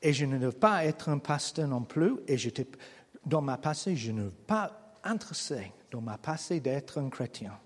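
A man preaching a sermon in French as a non-native speaker with a foreign accent, speaking slowly and haltingly with rhetorical questions. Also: medium pitch, expressive, big-room sound. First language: not French. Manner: slow, halting delivery with restarts and rhetorical questions. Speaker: pastor. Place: church hall.

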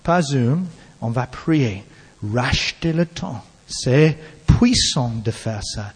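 A man with an English accent preaching a sermon in halting French, restarting his words often. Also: medium pitch, expressive, breathy edge, long reverb tail.

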